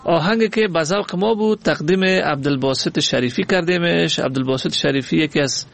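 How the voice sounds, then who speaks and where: A man's voice: fairly high pitch, gravelly, a bit bright. A man hosting a radio call-in show, teasing and playful as he questions the callers. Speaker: radio host. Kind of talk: casual radio call-in chat.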